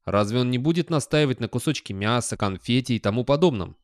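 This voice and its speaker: A man's voice: medium pitch, expressive, fast talker, dry recording, clean studio sound, lightly acted. A man voicing a jittery, unsure young man who talks with anxious hesitation. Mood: uneasy.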